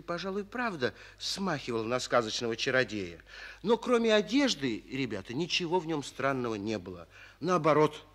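In a slightly high male voice, an actor plays a kindly storyteller in a 1940s children's radio play, expressively speaking to young listeners.

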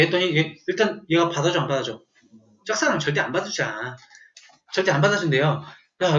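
A man's voice: fairly high pitch, fairly bright tone. A man teaching English vocabulary to a class, telling a joking story and quizzing his students as he goes. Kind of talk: classroom lecture. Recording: echoey room, dull lo-fi sound.

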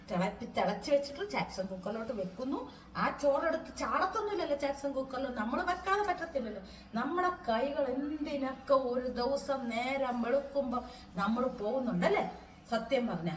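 A high-pitched, middle-aged woman vlogs from her home kitchen, her throat a little strained from so much talking. She rambles happily and keeps checking in with her viewers. Faint household sounds sit behind her. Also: a bit bright, roomy sound, far from the mic, slight background noise, rough recording. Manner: chatty, keeps checking in with viewers with tag questions. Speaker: home cooking vlogger. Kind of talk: casual chat to camera.

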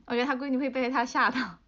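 A young woman in her twenties chatting playfully with fans on a livestream, giggling as she tells a joke haltingly. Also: high-pitched, a bit bright. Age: 20s. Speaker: livestream host. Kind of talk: casual livestream chat with fans. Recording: dull lo-fi livestream audio.

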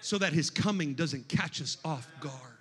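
A man preaching a sermon in a church, moving between hushed scripture reading and shouted exhortation. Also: fairly high pitch, animated, a little slow, husky.

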